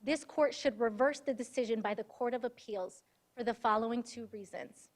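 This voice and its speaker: A woman's voice: a little high, moderate pace. A young woman law student delivering a formal, rehearsed oral argument as counsel in a moot court. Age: young adult.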